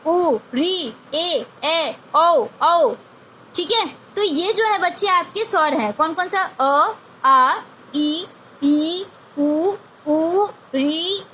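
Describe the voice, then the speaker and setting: A woman's voice: very high-pitched, bright, forceful tone, a little hiss or hum. A woman teaching a grammar lesson to young children, repeating each point and asking questions she answers herself, mixing in English words.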